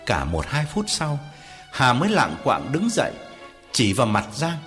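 Lively man narrating a ghost story. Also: mid-range voice, moderate pace, soft background music. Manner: expressive storyteller. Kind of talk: dramatic horror story narration.

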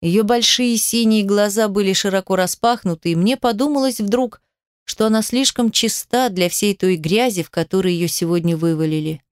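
A woman narrating an audiobook in the first person, with an even, measured reading. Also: mid-range voice, smooth, no echo, clean studio sound.

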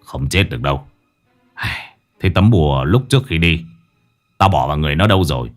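A man voicing a gruff, curt older male exorcist cook who scolds his helpers. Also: extremely low pitch, animated, fairly quick, faint music behind, pitched below the performer's own voice. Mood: gruff scolding.

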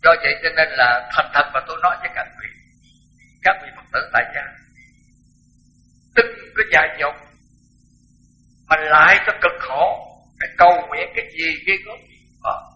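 Blunt older monk giving a sermon. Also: male voice, fairly high pitch, expressive, normal speed, long pauses, sharp tone, soft background music, rough recording. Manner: blunt, frank, repeats words when emphasizing. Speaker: Buddhist monk teacher. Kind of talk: dharma talk sermon.

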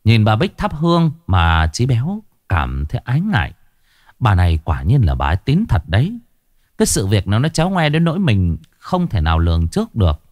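A man narrating a ghost story in an expressive, colloquial way. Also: fairly low pitch, a little fast, no echo, studio quality.

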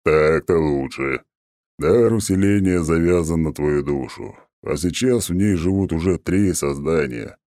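A man's voice: rumbling low, animated, a little slow, warm tone, dry recording, clean studio sound. A man voicing an arrogant ancient male oak god who talks down in a haughty, mocking way. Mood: smug, haughty.

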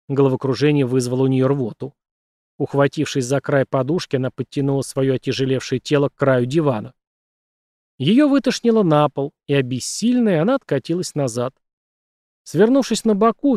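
A man's voice: a little high, mellow, dry recording, clean studio sound. A man narrating an audiobook thriller in a tense, dramatic storytelling manner.

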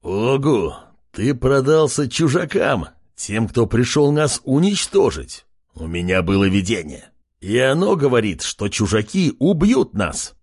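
A man voicing a fat, suspicious male boar chieftain in a fantasy audiobook, with a husky voice. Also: mid-range voice, big pitch swings, measured pace, a little mellow, no room sound, studio quality. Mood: angry, frightened.

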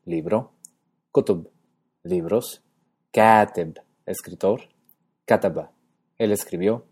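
A man giving a scripted educational narration about a language, measured and explanatory, slowing down to spell out example words. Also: on the low side, mellow, breathy edge. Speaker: language lecturer.

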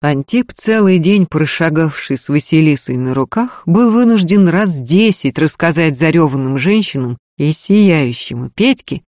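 Woman, audiobook narrator, steady storytelling, low voice, dry close sound. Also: a little slow, few pauses, no echo. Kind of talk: scripted narration.

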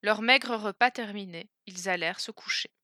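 A woman narrating a fairy tale in a clear, measured storytelling manner. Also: medium pitch, pushed and bright, dry recording, studio quality.

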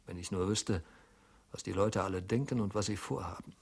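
A man voicing an anxious, self-reproaching clerk who mutters to himself, his voice swinging between loud outbursts and hushed asides. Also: on the low side, a little fast, vocal fry, breathy edge. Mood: uneasy. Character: anxious fretful male clerk, middle-aged, self-reproaching.

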